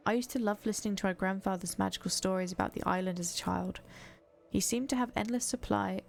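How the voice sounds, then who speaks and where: A woman streamer reading the lines of a gentle young woman in a story game, in a soft, confiding way. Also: mid-range voice, steady tone, quick pace, creaky, faint music behind, lightly acted.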